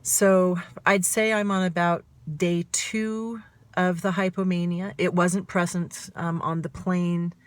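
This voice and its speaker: A middle-aged woman talking straight to camera in a fast, emphatic way, asking herself questions and answering them. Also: lowish voice, little pitch movement, no echo. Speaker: author and mental health advocate. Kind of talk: self-recorded talk to camera.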